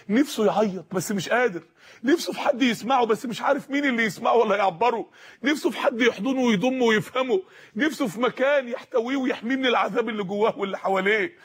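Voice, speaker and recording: A man's voice: high-pitched, slightly rough. A male preacher with an Egyptian accent telling a dramatic sermon story in rhythmic, repeating phrases. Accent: Egyptian Arabic.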